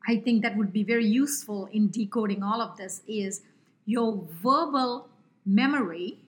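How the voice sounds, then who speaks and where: Interview guest: woman, Indian accent, measured expert explainer, lots of fillers and restarts. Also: medium pitch.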